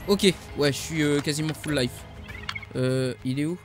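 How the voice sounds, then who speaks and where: A man's voice: fairly high pitch, normal speed. A man with a French accent commentating his own gameplay, trash-talking opponents and talking to his viewers. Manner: trash-talking, excitable, calls viewers "les gars". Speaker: gaming YouTuber. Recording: music playing behind the voice.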